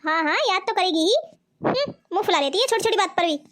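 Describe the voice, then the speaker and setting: एक औरत कार्टून में लाड़ करने वाली, डाँटने वाली अधेड़ माँ की आवाज़ देती है।. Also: female voice, very high-pitched, expressive, fast, fairly bright tone. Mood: doting. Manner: scolding yet doting. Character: fussing, affectionate middle-aged mother.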